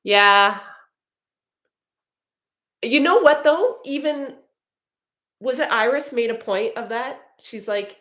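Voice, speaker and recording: A woman chatting casually about a book, animated and agreeing often. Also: on the high side, slow, pauses often. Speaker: book club member. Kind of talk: casual chat.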